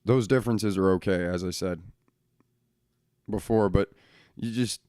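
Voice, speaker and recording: A man's voice: fairly low pitch, measured pace, darkish tone, smooth, dry recording, studio quality. A young man hosting a casual solo podcast from his bedroom, talking bluntly and swearing often as he rants. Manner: blunt, profane and ranting. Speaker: podcast host.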